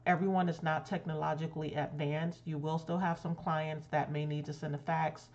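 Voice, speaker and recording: A woman's voice: sits low, darkish tone, lo-fi sound. A woman with a lisp from braces on her teeth, speaking as a consultant and channel host giving a casual recommendation. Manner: careful effort to articulate clearly.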